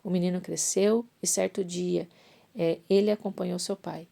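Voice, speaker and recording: A woman reads a Bible story aloud in a low, mellow voice. She trips over words now and then and corrects herself, keeping a steady, unpolished read-aloud delivery. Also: moderate pace, creaky, a little hiss or hum. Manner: reads with restarts and self-corrections. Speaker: Bible reader.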